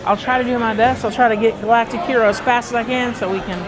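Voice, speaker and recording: Friendly streamer, casual livestream chat, appreciative, mid-pitched, busy indoor crowd behind. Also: steady tone, quick pace. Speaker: live streamer. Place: indoor theme park ride area.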